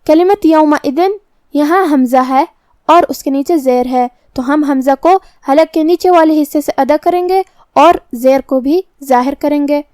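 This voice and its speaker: A woman teaching Quran recitation, explaining each letter's pronunciation slowly and precisely. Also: high-pitched, darkish tone, no echo. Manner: slow, careful, precise articulation. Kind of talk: tajweed lesson, explaining letter by letter.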